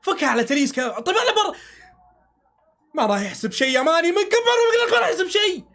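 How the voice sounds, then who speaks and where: A man's voice: extremely high pitch, big pitch swings, quick pace, a bit bright. A man reacting live to a football match, swearing oaths and pleading with the players.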